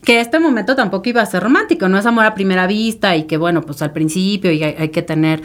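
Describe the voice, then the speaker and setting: A woman's voice: medium pitch, quick pace. A woman, a podcast guest telling a personal story in an emotional, rambling way with many fillers and tag questions. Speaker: interview guest.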